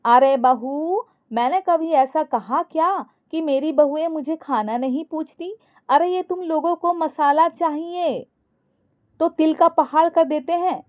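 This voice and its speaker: A woman's voice: sits high, fairly even intonation, a little slow, dark tone, pitched above the performer's own voice. A woman voicing a scheming older mother-in-law who wheedles and snaps. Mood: wheedling. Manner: wheedling, then snappish.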